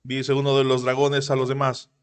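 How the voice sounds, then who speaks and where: A man narrating a manhwa story recap, briefly raising his pitch to voice the characters he quotes. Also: monotone, normal speed, smooth, long reverb tail.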